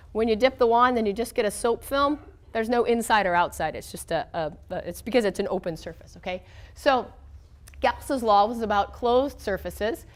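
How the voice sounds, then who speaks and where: Woman, American accent, higher-pitched, weak cold-affected voice, conversational classroom lecturing, frequent check-ins. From southern United States. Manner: conversational, checks in with okay and all right. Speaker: physics lecturer.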